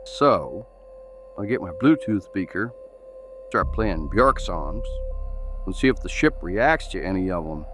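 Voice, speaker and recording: A man voicing Donny, an excitable Texan farmer obsessed with UFO conspiracies, who talks in an eager, rambling, earnest way over light music. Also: deep voice, unhurried, pauses often.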